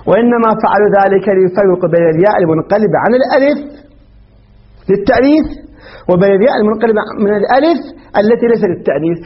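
A man teaching a grammar class, posing questions to the room and answering them himself in a lecturing manner. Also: sits high. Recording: dull lo-fi recording.

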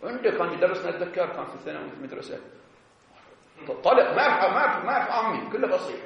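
A man giving a seminary lecture, explaining animatedly and drawing out key words slowly. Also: high voice, animated, gravelly. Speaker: teacher of religious jurisprudence. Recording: echoey, dull lo-fi classroom recording.

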